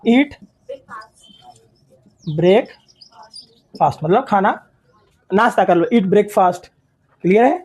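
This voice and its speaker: A man's voice: high-pitched, expressive, drawn-out words, pauses often, darkish tone, rough recording. A man teaching English in a classroom, repeating phrases word by word and quizzing his students. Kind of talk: classroom lesson.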